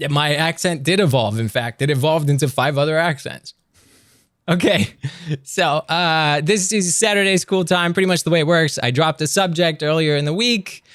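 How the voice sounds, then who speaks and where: A man's voice: on the high side, normal speed, a bit bright, dry recording, studio quality. A male streamer chatting casually on a live stream, self-mocking and swearing freely.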